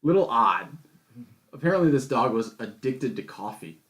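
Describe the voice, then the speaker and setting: A man's voice: medium pitch, sing-song, normal speed, fairly bright tone. A man co-hosting a podcast, telling stories in casual chat with an exasperated, swearing manner. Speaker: podcast co-host. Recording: echoey room.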